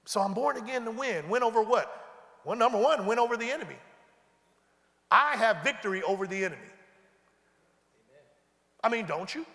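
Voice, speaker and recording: A man preaching a sermon, leading the congregation in call-and-response and rising to shouts. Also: high voice. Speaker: pastor. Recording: long hall reverb.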